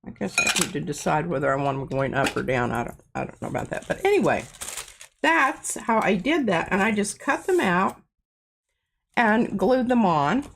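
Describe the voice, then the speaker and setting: Working through a casual art demonstration in her home studio, a woman hosting a craft show keeps up a chatty, self-deprecating patter. Her mid-range voice is very animated, at a moderate pace, with vocal fry, a stuffy nose, and a little hiss or hum on the recording.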